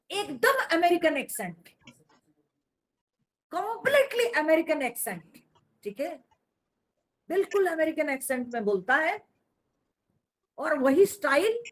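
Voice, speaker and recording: A woman teaching in a spiritual discourse, explaining patiently, asking rhetorical questions and dropping in English phrases. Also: sits high.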